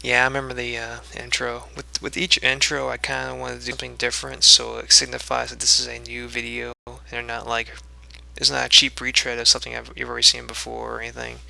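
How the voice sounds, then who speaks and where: Young guy talking over his game footage, super gravelly, bright edge, flat delivery, lots of ums, kinda out of breath. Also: medium pitch, quick pace. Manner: rambling, many ums and restarts. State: a little out of breath. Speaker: video creator giving commentary. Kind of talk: casual gameplay commentary.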